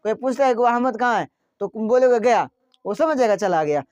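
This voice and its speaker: High-voiced man teaching a grammar lesson. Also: lively intonation, fairly quick, darkish tone, clean tone, no echo. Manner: repeats points and quizzes listeners with questions. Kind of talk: classroom lesson explaining grammar. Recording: dry, dull lo-fi sound.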